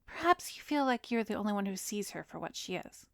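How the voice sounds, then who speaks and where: In an ASMR roleplay addressed to the listener, a woman plays a composed, soothing female therapist who is secretly an arrogant vampire. Her mid-range voice is soft, measured, gentle and professional, often slipping into a breathy whisper as she probes and insinuates. The close studio mic is dry, with no room sound.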